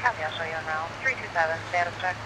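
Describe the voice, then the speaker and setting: A man's voice: on the high side, racing. A man giving terse dispatch codes over a police scanner radio. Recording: radio static, outdoor noise.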